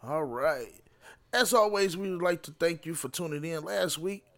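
A man's voice: fairly high pitch, lively intonation, moderate pace. A man hosting a casual late-night panel show, often repeating his phrases for emphasis. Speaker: podcast host.

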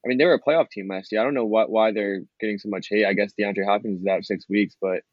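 A man talking through a dull, lo-fi remote connection, low-voiced and full of restarts as he weighs his picks. The sound is dry, with no room around him. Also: fairly even intonation, no echo. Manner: hesitant, halting with restarts. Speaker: podcast co-host. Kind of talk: casual sports betting chat.

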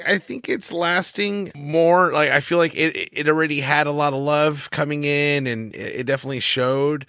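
A man's voice: fairly high pitch, pushed and bright, dry recording. Dry-sounding, slangy male podcast co-host. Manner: slangy, calls his partner brother, dude and man. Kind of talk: casual film podcast chat.

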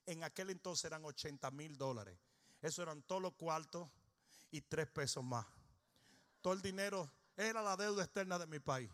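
A male pastor, preaching a humorous sermon that swings from shouting to low, joking storytelling. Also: normal speed.

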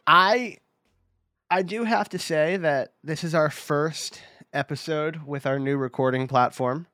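A young man hosting a casual sports podcast, excitable, jumping high in pitch when he jokes. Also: unhurried, no room sound, clean studio sound, faint music behind. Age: young adult. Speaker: podcast host. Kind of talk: casual chat.

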